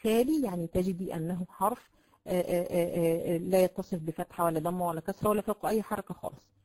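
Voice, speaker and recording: A woman with an Egyptian Arabic accent teaching a class on Quran recitation, patiently explaining, repeating sounds to demonstrate and filling pauses with drawn-out sounds. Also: on the low side, dark tone, poor audio. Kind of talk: classroom lesson.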